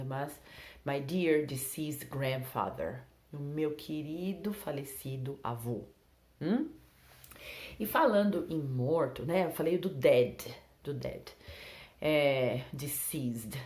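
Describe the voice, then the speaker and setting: Low-voiced Brazilian woman teaching English. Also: a little mellow. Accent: Brazilian Portuguese. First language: Portuguese. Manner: chatty, switching between Portuguese and English, checking in with "né?" and "yeah?". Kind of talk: casual online English lesson.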